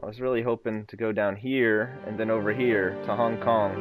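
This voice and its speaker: A man's voice: lowish voice, fairly even intonation, moderate pace, narrow, tinny audio, over music. A man hosting a let's play, reading the game's text aloud with restarts and side remarks. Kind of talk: reading game text aloud while playing.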